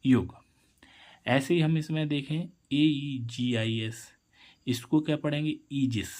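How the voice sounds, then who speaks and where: Slow-paced man teaching a lesson. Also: mid-range voice, fairly even intonation, darkish tone. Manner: slow, repetitive, quizzing the viewers. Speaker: English teacher. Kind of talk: Hindi-medium pronunciation lesson.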